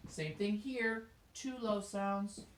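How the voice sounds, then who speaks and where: A woman's voice: medium pitch, expressive, slow. A woman teaching a children's music lesson, explaining each step in an encouraging way and singing short demonstrations. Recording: echoey room.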